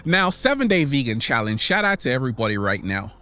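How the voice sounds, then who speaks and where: A man with a mid-range voice swings widely in pitch, sounding pushed and bright, with faint music in the background. He plays the vlog host in a theatrical, playful motivational speech to online followers, repeating catchphrases and stretching words for emphasis.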